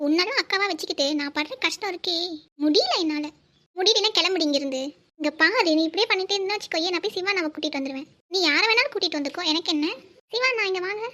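A bossy young elder sister in a cartoon, voiced by a woman, scolding in a very high, squeaky voice. She rattles off her complaints quickly and bickers without pause. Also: animated, pushed and bright, heavily acted. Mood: bickering. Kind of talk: cartoon voice acting.

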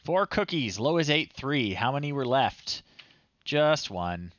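Slow and sing-song, a medium-pitched male voice with a fairly bright tone reads game text aloud during a casual live stream, punctuated by playful, amused asides. The speaker is a man in his thirties hosting a retro game show from a small room at home. The close-up recording is dry, slightly dull and echo-free.

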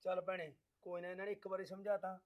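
A man playing a fast-talking blunt matchmaker. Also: high-pitched, completely flat delivery, highs cut off, natural voice. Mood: admonishing. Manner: blunt, admonishing. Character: blunt matchmaker settling a family dispute.

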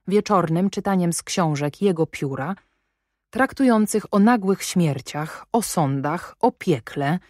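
A reserved young governess with quiet pride, voiced by a woman reading an audiobook, answering plainly and firmly. The voice is low and the sound close and dry. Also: no room sound. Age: young adult. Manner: plain, restrained, quietly firm.

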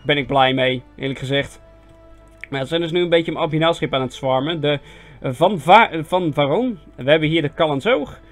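A young Dutch man giving casual, self-mocking commentary on a strategy game, chatty with sudden excited yelps. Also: on the high side, moderate pace. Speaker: gaming video host. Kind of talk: casual let's-play commentary. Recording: faint game music behind voice.

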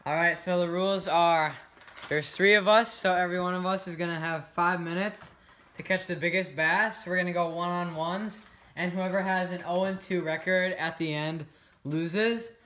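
A teenage man hosting a casual home gaming video in a living room, getting excited and shouting at big catches. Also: high-pitched, normal speed, roomy sound. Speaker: channel host.

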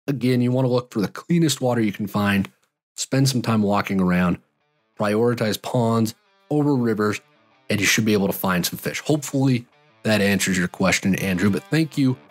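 A fly fishing guide in his thirties hosts a solo podcast from his home studio, where gear shelves line the walls, wearing headphones at a large studio mic. Answering listener questions, he rambles in a relaxed way with many uh's and restarts. His voice is on the low side and a little raspy from a cold.

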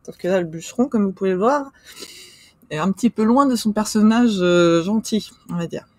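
A woman casually commenting on a game as she plays, excitable and swearing in her reactions. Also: medium pitch, brisk. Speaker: streamer. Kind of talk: casual let's play commentary. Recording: game sound echoing behind.

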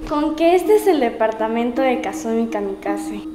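A woman's voice: on the high side, animated, normal speed, close to an everyday voice. A young woman acting a curious visitor who muses to herself in a web comedy sketch. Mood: curious musing. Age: young adult. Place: indoors in a house hallway. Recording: echoey room, clear music behind.

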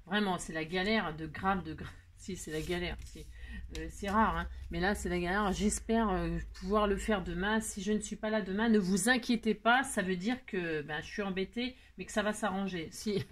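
A woman's voice: mid-range voice, normal speed. A woman hosting a scrapbooking tutorial, chatting playfully with her viewers and rambling to herself while she works. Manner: talks to herself while working, frequent filler words. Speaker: crafting channel host.

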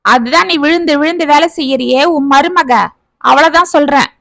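A woman's voice: high voice, normal speed, gravelly, pushed and bright, no echo, exaggerated voice. Woman voicing a grumpy retired old man. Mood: grumbling. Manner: sulking, complaining. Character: grumpy retired older man, bank manager.

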